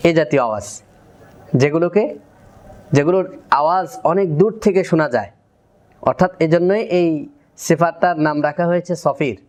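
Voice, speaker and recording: Clear high-voiced Bengali Quran teacher. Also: male voice, moderate pace, long pauses, a little mellow. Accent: Bangladeshi Bengali. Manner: methodical, drills syllables aloud. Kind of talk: pronunciation lesson.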